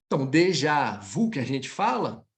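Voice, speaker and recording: A man with a Brazilian accent teaching French, stretching out each model phrase slowly before explaining it quickly. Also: fairly high pitch, big pitch swings. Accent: Brazilian Portuguese. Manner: slow, drawn-out model pronunciation between quick explanations. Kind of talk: online language lesson.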